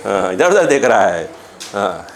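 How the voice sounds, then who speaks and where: A physics teacher lecturing a class, slowly dictating questions and then explaining in a quick, chatty way. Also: male voice, on the low side, big pitch swings.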